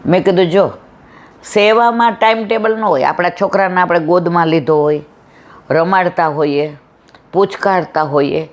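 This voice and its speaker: A woman's voice: on the low side, normal speed. A middle-aged woman giving a devotional satsang talk, telling stories and acting out both sides of conversations. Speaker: satsang speaker.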